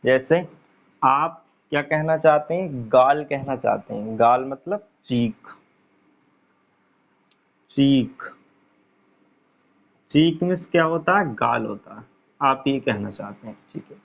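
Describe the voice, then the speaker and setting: A man teaching an English pronunciation lesson, repeating words slowly as he writes them out. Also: medium pitch, vocal fry. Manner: repeats words slowly while writing on a board, frequent 'theek hai'. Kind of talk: casual online lesson. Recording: dull lo-fi recording.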